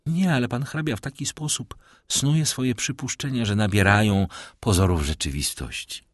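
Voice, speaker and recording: A man's voice: medium pitch, normal speed, no echo, clean studio sound, pitched above the performer's own voice, close to an everyday voice. A man voicing a fainting middle-aged noblewoman who speaks faintly and with strain. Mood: frightened. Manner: faint, strained, breathless delivery.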